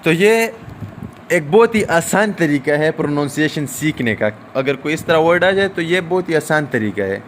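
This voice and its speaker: A man teaching a recorded shorthand lesson, explaining step by step with drawn-out "aa" fillers and frequent checks like "okay?". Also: a little high, lively intonation, fairly bright tone, slight background noise.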